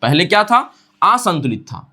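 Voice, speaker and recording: A man with a high voice teaches a science lesson. He asks the class a question and answers it himself, then repeats each definition word by word, slowly, so the class can write it down. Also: big pitch swings, bright, forceful tone. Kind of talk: classroom lecture.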